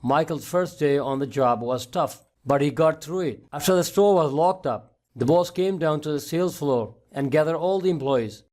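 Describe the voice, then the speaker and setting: A man's voice: on the high side, normal speed, hardly any pauses, darkish tone. A man narrating a scripted story as the narrator of an online video.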